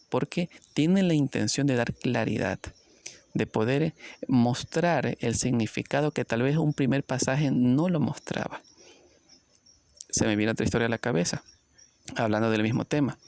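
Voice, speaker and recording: Gravelly man teaching a Bible lesson. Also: medium pitch, a little mellow, no room sound. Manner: explanatory, checks in with "¿ok?" and "¿sí?"; reads scripture aloud slowly.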